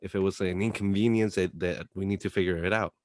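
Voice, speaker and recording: Deep-voiced man, dry close sound. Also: steady tone, fast, darkish tone, no room sound. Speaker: podcast co-host. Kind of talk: casual chat.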